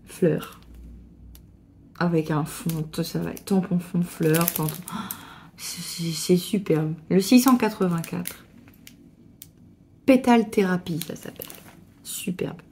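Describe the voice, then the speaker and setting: A middle-aged woman gushing excitedly as she unboxes a craft parcel, with stumbling restarts. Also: lowish voice, slow, long pauses, a little hiss or hum. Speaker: crafting vlogger. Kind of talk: casual unboxing chat.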